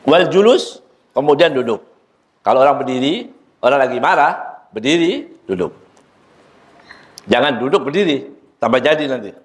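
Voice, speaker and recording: A man preaching in a prayer room in an easy, mid-pitched voice. He recites Arabic and explains it plainly, and his pitch jumps up and down as he teases the room with jokes. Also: moderate pace, long pauses. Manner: joking, lively swings in pitch, quotes Arabic then explains. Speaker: ustadz teaching a book study. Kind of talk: sermon.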